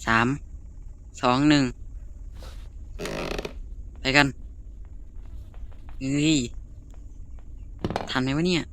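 A man giving excited, chatty commentary to his viewers as he plays a horror game. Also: fairly high pitch, drawn-out words, pauses often, slight background noise. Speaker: gaming YouTuber. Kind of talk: live gameplay commentary.

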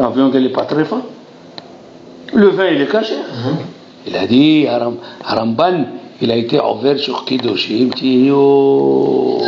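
Animated rabbi teaching in a roomy hall. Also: male voice, mid-range voice, gravelly, slight background noise. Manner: animated, theatrical, acts out dialogues, exclaims "aïe aïe". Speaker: rabbi teaching a Torah class. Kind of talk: lively French Torah lesson. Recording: roomy lo-fi recording with faint ambience.

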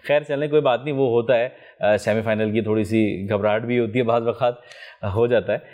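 A man's voice: mid-range voice, fairly even intonation, brisk, darkish tone. A man judging a recitation contest, giving encouraging advice to a young performer. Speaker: competition judge.

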